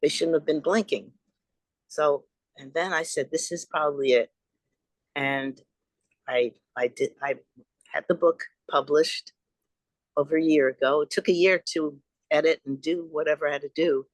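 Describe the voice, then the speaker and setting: An older woman from Long Island, New York, a guest and author, tells stories from her life in an earnest, rambling way during a video-call interview. Her voice is low and steady, at a moderate pace with frequent pauses, and the recording is dry.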